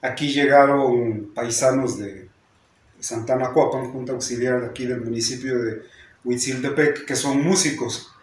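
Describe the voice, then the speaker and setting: A man's voice: medium pitch, fairly even intonation, measured pace, a little hiss or hum. Patient Mexican man lecturing in echoey classroom. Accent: Mexican Spanish. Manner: patient, explanatory, tags sentences with "¿no?". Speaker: teacher.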